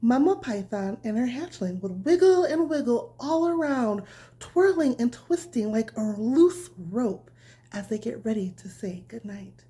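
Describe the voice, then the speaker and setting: A woman with a warm voice on the high side reads a picture book aloud at a measured pace, her intonation lively. She soothes and simplifies as if for a young child, breathing softly and often dropping close to a whisper.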